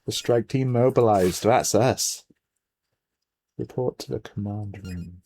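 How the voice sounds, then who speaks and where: Speaking slowly in a lowish, mellow voice, a man narrates his gameplay with loose, wandering remarks, frequently drifting off or reading on-screen text aloud. The gaming host's noisy home microphone also picks up the game's music.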